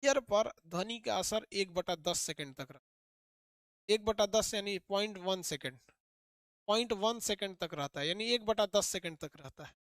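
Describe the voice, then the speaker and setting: Fast-talking physics teacher. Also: male voice, high voice, a bit bright, dry recording, clean studio sound. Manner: rapid, repetitive, quizzing the students. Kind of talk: animated classroom lecture.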